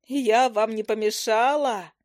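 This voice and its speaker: A woman's voice: fairly high pitch, fairly even intonation, takes it slowly, a little mellow. Storybook fairy read by a woman: tiny, cheeky, blunt, nagging her friend with a raised voice.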